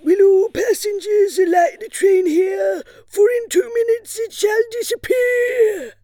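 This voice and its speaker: A woman voicing a very old male train conductor who shouts out the stops. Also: very high voice, fairly even intonation, measured pace, no room sound, pitched above the performer's own voice. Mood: announcing. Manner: shouting, announcing.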